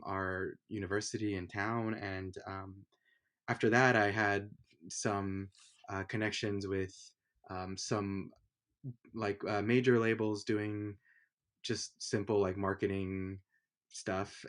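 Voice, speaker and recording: Man from Honduras, low voice, relaxed, rambling guest talk, lots of ums. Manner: relaxed, rambling with many fillers. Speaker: guest, music producer. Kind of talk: conversational interview.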